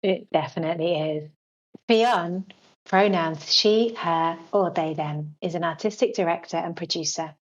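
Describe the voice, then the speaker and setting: A woman's voice: on the low side, muffled recording. A woman hosting a podcast, reading the show intro and introducing her guest in an upbeat presenting manner. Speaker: podcast host.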